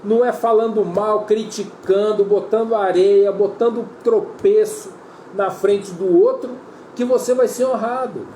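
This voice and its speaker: A Brazilian Portuguese-accented man preaches in a high, warm voice, earnest and repetitive as he calls his listeners brother. The sound is roomy and echoey, with faint ambient noise behind him. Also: steady tone, a little slow. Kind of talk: sermon.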